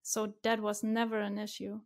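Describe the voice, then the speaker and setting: A woman with a German accent, a native German speaker, chatting as an interview guest, cheerful and quick to laugh, often restarting her sentences. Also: medium pitch, completely flat delivery, creaky, a little mellow. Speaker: guest, community organizer. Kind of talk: casual interview chat.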